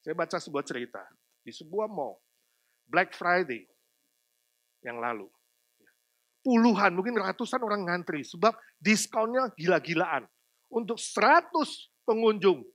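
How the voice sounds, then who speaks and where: Male pastor, sermon delivery; bright, forceful tone, loud declarations and soft asides. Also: high-pitched, lively intonation, a little slow, long pauses. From Indonesia.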